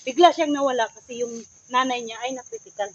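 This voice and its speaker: A woman vlogger stepping in to calm two arguing friends. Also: sits high, fairly quick, highs cut off. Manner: pleading, peacemaking. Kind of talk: mediating a staged argument.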